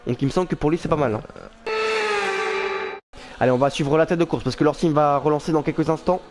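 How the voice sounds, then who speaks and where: A man with a fairly high, fast voice calls an online sim racing league race live, informally, exclaiming and thinking out loud. Loud music plays behind him, and background noise is clearly audible.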